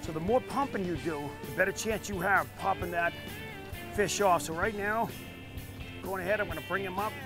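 A middle-aged man with a high-pitched voice hosts a fishing show from a small boat at sea, speaking at a moderate pace with music in the background. He explains techniques in a casual, friendly on-camera chat.

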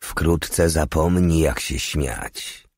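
A man reading the part of a battle-hardened foreign legionnaire who talks in a low, grim whisper. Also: a little slow, darkish tone, no room sound, studio quality.

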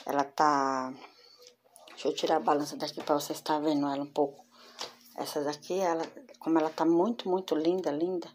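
A woman's voice: low-pitched, steady tone, a little fast, darkish tone, slight background noise. A woman vlogging from home, chatting casually as she shows and prices her crochet work and talks straight to her viewers. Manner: chatty, addresses viewers as girls. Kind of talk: casual show-and-tell. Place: home room with door closed.

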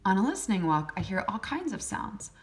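A woman reading a children's picture book aloud as a teacher, in simple, deliberate short phrases. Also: mid-range voice, very animated, noisy background. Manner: acts out sound effects. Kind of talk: children's storybook read-aloud.

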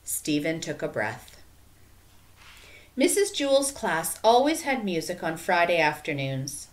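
A woman narrating a children's chapter book in an expressive, measured reading. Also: on the low side. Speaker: audiobook narrator. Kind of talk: storybook narration.

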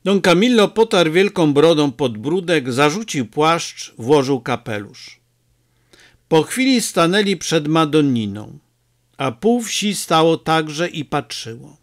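A man reading a novel aloud as an audiobook narrator, telling the story in an expressive, measured way. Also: on the high side.

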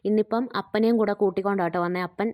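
A woman's voice: medium pitch, steady tone, very fast, no echo, lo-fi sound. A woman narrating her home cooking and village life vlog in a chatty, homely voice-over, often tagging her sentences with little asides to the viewer. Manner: chatty, homely, often adds tag questions.

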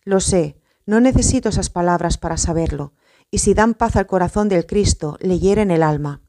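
A woman voicing a gentle, sorrowful male teacher who speaks calmly and solemnly. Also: lowish voice, normal speed, no echo, close to an everyday voice. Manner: calm, solemn.

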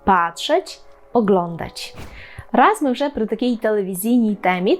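A woman words in a lesson. She explains patiently, keeps checking with a quick question, and says the example words slowly and clearly. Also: medium pitch. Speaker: Polish language teacher. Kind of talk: online language lesson.

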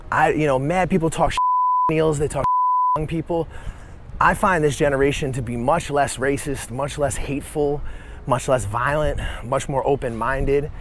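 This is a man in his forties filming himself as he walks through a city. He talks bluntly and rambles, chopping off his own curses halfway. Street noise and passing traffic sit clearly behind his voice. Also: medium pitch. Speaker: vlogger and life coach. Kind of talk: casual walking vlog monologue.

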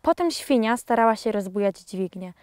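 A woman narrating a children's storybook in a lively, expressive reading. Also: medium pitch, moderate pace, no echo, studio quality.

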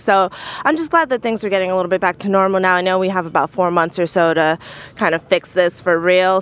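A woman in student government gives a short improvised speech with light jokes. Her voice sits in a middle pitch. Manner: light, joking.

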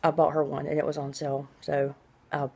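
A middle-aged woman with a low-pitched voice talks casually, as if updating a video diary. Her s sounds are drawn out and hissy, and her delivery rambles along in a conversational way. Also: little pitch movement, brisk, creaky, a little mellow, husky. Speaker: vlogger. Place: small indoor room at home.

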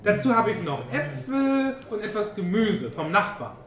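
A woman in tabletop roleplay as a no-nonsense, sharp-tongued hostess, dry and curt. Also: medium pitch, very animated, moderate pace, reverberant.

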